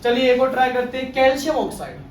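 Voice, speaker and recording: A man's voice: very high voice, fast talker, a little hiss or hum. A male chemistry teacher giving a classroom lecture, often quizzing his class with questions. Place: classroom with students. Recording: echoey room, far from mic, class murmur.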